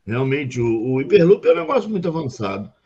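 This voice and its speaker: A man's voice: mid-range voice, very animated, a little fast, dark tone, slightly rough, highs cut off. An older man with a Brazilian Portuguese accent, a professor adding remarks on a video call, talking in a rambling way with many restarts. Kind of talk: casual online lecture discussion. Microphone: webcam on video call.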